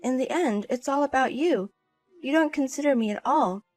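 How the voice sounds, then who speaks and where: A woman's voice: sits high, moderate pace, no room sound, faint music behind. A woman voicing a wife in a scripted drama, talking in a cold, cutting and dismissive way. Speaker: narrator and wife in a voiced story.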